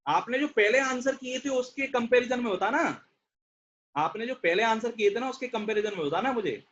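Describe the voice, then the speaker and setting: A man's voice: very high voice, animated, moderate pace, fairly bright tone. A young man teaching reasoning in an online exam-prep class. He talks chattily, keeps asking his students rhetorical questions and mixes English terms into his explanations. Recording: dull lo-fi audio.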